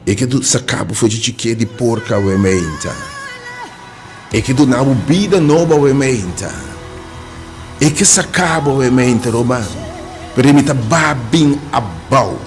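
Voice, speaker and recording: A man's voice: medium pitch, animated, measured pace, soft background music. A man preaching a radio sermon, fervent and repetitive, rising to cries.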